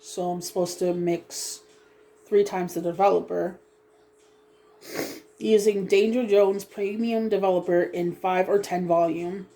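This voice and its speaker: A woman speaks a little slowly in a fairly low, steady, dark-toned voice, vlogging casually about coloring her hair. Sniffly and somewhat froggy from a lingering cough, she rambles with hesitation, many ums, and repeated apologies.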